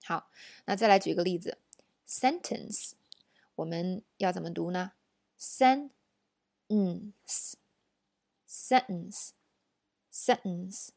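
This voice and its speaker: A woman teaching English pronunciation in an audio lesson, explaining slowly and saying each example word several times. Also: on the low side, creaky, darkish tone, no echo, studio quality.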